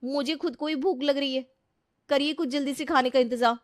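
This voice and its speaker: A high, shrill spoiled young bride from a cartoon story, voiced by a woman, who keeps whining and demanding. The voice sits well above an ordinary speaking pitch. It is recorded dry and close, with no room sound. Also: steady tone, fairly quick, no room sound, close to an everyday voice. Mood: whiny complaining. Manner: shrill and complaining. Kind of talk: cartoon voice acting.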